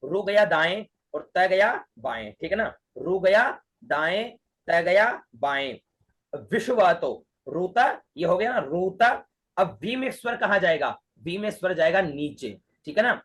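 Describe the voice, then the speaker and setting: An Indian man with a high voice teaches Vedic chanting at an unhurried pace. He patiently breaks words into syllables and repeats each phrase again and again for students to copy. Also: lively intonation, a bit bright, breathy edge. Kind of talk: teaching Sanskrit mantra recitation.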